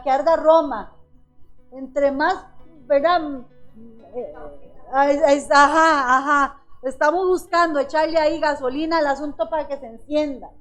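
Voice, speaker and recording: A woman with a high voice preaches a sermon, calling her listeners brothers and asking them one rhetorical question after another. She slows down to stress key phrases. Quiet music plays underneath. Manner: addresses the congregation as brothers with frequent rhetorical questions. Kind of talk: church sermon.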